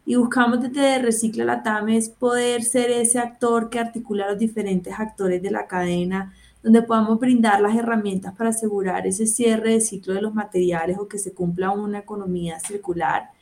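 A woman's voice: mid-range voice, steady tone, moderate pace, few pauses, darkish tone. A young woman from Colombia's Caribbean coast, with a Caribbean Colombian Spanish accent, answering as a guest in a radio interview. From Barranquilla, Caribbean coast of Colombia. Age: young adult. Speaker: interview guest, NGO director.

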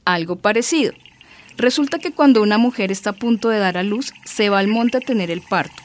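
A woman's voice: medium pitch, brisk, slight background noise. A woman playing a patient mother who reads and explains a story in an educational radio drama. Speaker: mother and narrator.

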